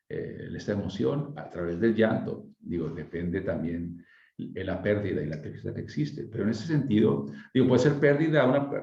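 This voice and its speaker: Low, gravelly male speaker with a mellow tone, thoughtful explainer, echoey lo-fi room. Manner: reflective, asks rhetorical questions, frequent tag questions. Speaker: speaker on emotional wellbeing. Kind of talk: conversational explanation.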